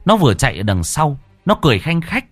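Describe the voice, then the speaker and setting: A man's voice: fairly high pitch, huge pitch swings, quick pace, a bit bright, no room sound, soft background music. A man narrating a first-person ghost story in a dramatic storytelling manner.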